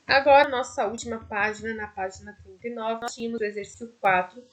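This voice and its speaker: Patient teacher, higher-voiced woman. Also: steady tone, fast. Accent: Brazilian Portuguese. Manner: patient, explains step by step with diminutives. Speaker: primary school teacher. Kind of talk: recorded video lesson.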